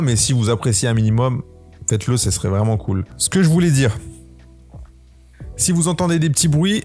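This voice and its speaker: A man's voice: mid-range voice, a little mellow. A man, talking casually to camera about his channel, rambling with lots of fillers and restarts. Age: 20s. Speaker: YouTuber hosting his own podcast. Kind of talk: casual solo talk to camera.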